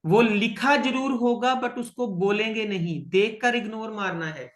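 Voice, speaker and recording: Patient, slow-talking male language teacher. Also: high-pitched, a bit bright, reverberant. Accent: Indian. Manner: patient, repeats and checks understanding. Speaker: French teacher. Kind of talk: online French lesson.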